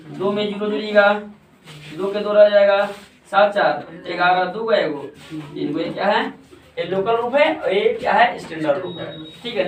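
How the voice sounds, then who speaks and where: A man teaching a maths lesson step by step, often asking a question and then answering it himself. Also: sits high. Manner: step-by-step explaining, asks and answers his own questions. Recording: echoey room, mic far off, faint ambience.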